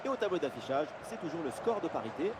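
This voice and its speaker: A man giving excited football commentary as play-by-play, with exclamatory calls. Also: a little high, fast. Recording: loud stadium-like background noise.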